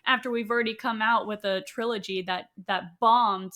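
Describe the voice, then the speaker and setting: A woman's voice: on the high side, steady tone, moderate pace, pushed and bright. A young woman co-hosting a podcast, talking in an enthusiastic, emphatic, casual way. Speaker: podcast co-host. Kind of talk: casual chat.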